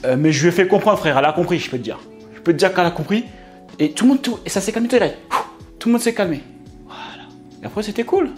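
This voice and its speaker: A young host of dating advice videos tells stories in a casual, joking, slangy way, animated and streetwise. His voice is high-pitched and he talks fast, with faint music playing behind him.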